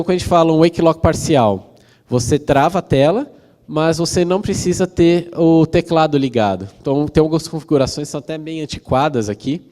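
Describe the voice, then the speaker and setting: A Brazilian man presents at a tech conference in a relaxed, chatty way, often checking in with the audience. His voice is dark and mellow, at a middle pitch for a man. A long reverb from a large hall trails behind each phrase. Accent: Brazilian Portuguese. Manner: explanatory, casual, frequent fillers and tag questions. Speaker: conference speaker. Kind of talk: technical conference talk.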